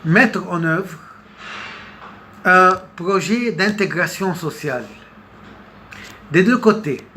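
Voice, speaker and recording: Speaking in a high, expressive voice with a sharp tone, this man gives an unscripted political monologue. He goes very slowly and haltingly, with long pauses and repeated words, and background noise is noticeable.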